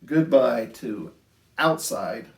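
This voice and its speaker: The host of a children's storytime, a man with a creaky, mid-range voice, reads picture books with expressive, sing-song delivery and stretched-out phrases. Echo fills the roomy indoor space.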